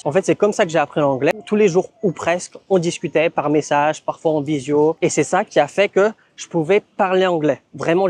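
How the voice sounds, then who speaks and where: A man vlogging in a relaxed, conversational way, with frequent fillers as he recounts his experiences. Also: fairly high pitch. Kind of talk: casual vlog narration.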